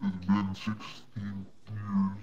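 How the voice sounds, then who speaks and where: A male player talking slowly over game voice chat through a voice changer that pitches his voice very deep. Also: completely flat delivery, darkish tone. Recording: dull lo-fi voice chat.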